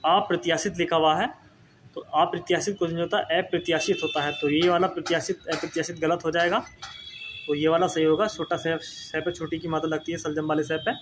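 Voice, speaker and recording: With a slight hiss or hum underneath, a young man speaks a little high and fairly quickly in a level tone. His lesson covers Hindi spelling for exams; he explains with patience, says words more than once, and frequently checks in with "ठीक है ना".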